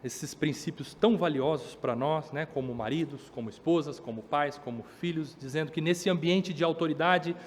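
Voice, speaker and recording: High-voiced man preaching in a reverberant church. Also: moderate pace, hardly any pauses, a little hiss or hum. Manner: preaching with rising emphasis, acting out children's complaints. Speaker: pastor. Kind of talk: sermon. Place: church hall.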